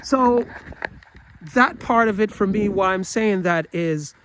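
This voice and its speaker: An American travel vlogger delivers an opinionated, casual monologue, earnest and rambling, often restarting sentences with fillers. His voice is high-pitched and slow. Background noise can be heard.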